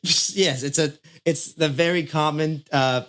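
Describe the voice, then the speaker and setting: A man's voice: a little high, fairly even intonation, unhurried, a bit bright, clean tone. A man hosting a casual podcast chat. He laughs often, talks in an easygoing, playful way and tends to ramble and trail off mid-thought. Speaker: host.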